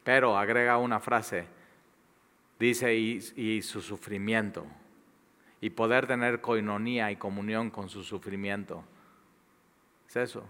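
A man preaching a sermon and leading a closing prayer, repeating words for emphasis and dropping from loud to hushed. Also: fairly low pitch, steady tone, measured pace, pauses often. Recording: long reverb of a large hall.

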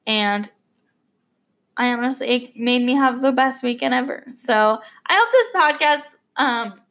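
A woman's voice: sits high, animated, measured pace, fairly bright tone. A young woman hosting an unscripted podcast, rambling with lots of fillers and restarts, a little choked up. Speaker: podcast host. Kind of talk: unscripted casual podcast monologue.

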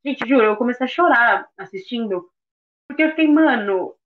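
A woman's voice: fairly high pitch, animated, brisk. A Brazilian woman co-hosting a podcast, talking in a slangy, playful way. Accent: Brazilian Portuguese. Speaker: podcast co-host. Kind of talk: casual podcast chat. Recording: phone-like thin sound.

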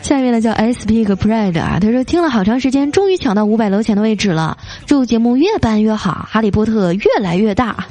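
A woman's voice: fairly high pitch, lively intonation, a little fast, few pauses. A woman hosting a casual show, playfully reading out and teasing listener comments. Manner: playful, teasing, reads jokes with light voiced quotes. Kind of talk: casual chat. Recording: soft music behind.

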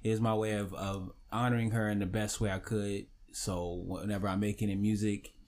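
A man's voice: lowish voice, little pitch movement, fairly quick, a little mellow. A man from Savannah, Georgia, a singer-songwriter and podcast guest, telling his story in a laid-back, candid way with frequent "you know". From Savannah, Georgia, USA. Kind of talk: casual podcast interview.

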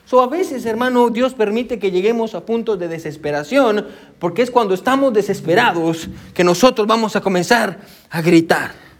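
With a high-pitched voice at normal speed, a male pastor delivers a sermon in a preacher's cadence. He drops in frequent "amén" and "hermano" asides and code-switches with the English word "so."

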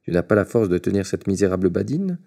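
A man reading aloud, voicing a gruff, scornful giant in a storybook tale. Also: deep voice, very animated, fast talker, dark tone, voice pushed up, full character voice.

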